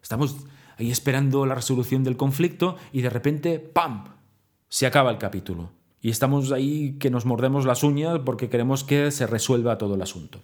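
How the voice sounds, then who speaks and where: A man from teaches public speaking in a video lesson. He talks straight to the listener, asks himself questions and answers them. He stretches his pauses and swings his intonation wide on purpose to show how it is done. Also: mid-range voice, a little mellow. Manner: deliberately exaggerated intonation and pauses for demonstration; addresses the listener directly with rhetorical questions.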